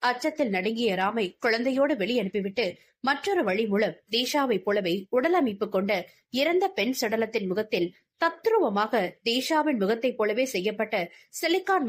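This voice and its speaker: A woman reading a novel aloud as an audiobook narrator with dramatic storytelling. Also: a little high.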